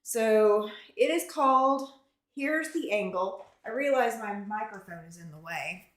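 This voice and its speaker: An echoey, warehouse-like garage sound surrounds a woman hosting a casual livestream. She speaks at a middle pitch, chatting directly to her viewers in an informal, unscripted way. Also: expressive, measured pace, a bit bright. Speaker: livestream host of a quilting channel. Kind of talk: casual live-stream chat. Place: garage studio, indoors.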